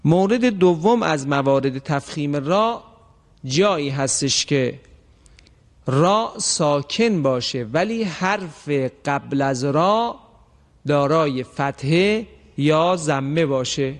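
Man teaching recitation rules, slow drawn-out examples. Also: fairly high pitch, lively intonation, in a large hall. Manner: explanatory, repeats example words slowly and drawn out. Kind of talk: lesson.

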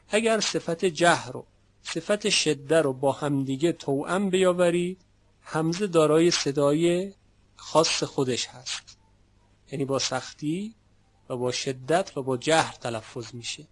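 A man with a fairly high voice lecturing on Quran recitation. He explains each point patiently and stretches out sample words when he demonstrates them. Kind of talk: classroom lecture.

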